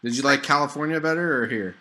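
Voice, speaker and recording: Fast-talking and medium-pitched, this man runs a developer channel on YouTube and chats loosely over a video call. He starts with an energetic intro, then drifts into a laid-back, meandering style.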